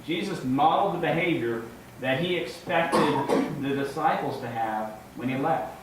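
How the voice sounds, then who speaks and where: A man delivers a conversational sermon, stumbling and restarting as he goes, often checking in with a short questioning tag. His voice carries through a very echoey room, picked up from some distance, with faint noise behind it. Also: a little high. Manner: halting, with repeated words and restarts; ends points with checking tags like "right?" and "okay?". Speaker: lay preacher giving a first sermon. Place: large echoing indoor room, before a congregation.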